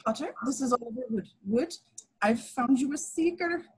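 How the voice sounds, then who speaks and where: High-pitched, brisk older witch professor played by a woman. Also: husky. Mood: brisk, stern. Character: brisk, formal older female professor at wizard school. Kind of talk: amateur online script table read.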